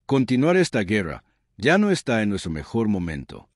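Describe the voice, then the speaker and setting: A stern alien queen speaks with calm, firm authority, as a man reading the story gives her lines. The voice sits fairly low but moves through a lively pitch range. The sound is dry and close, with no room around it. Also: normal speed, no echo.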